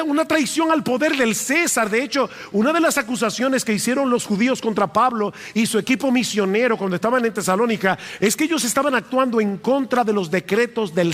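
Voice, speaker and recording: High-voiced male pastor in a reverberant hall. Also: lively intonation, a little fast, few pauses, a bit bright. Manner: emphatic, repeats key phrases for stress. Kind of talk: preaching a sermon. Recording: long reverb of a large hall.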